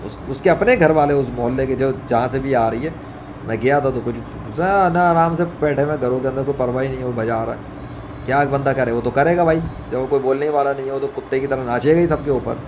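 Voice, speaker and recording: In an informal religious monologue, a man who vlogs about faith speaks a little fast at medium pitch, sounding indignant and scolding and repeating phrases for emphasis. Ambient noise and a running fan leave the recording with a clearly noisy background hum.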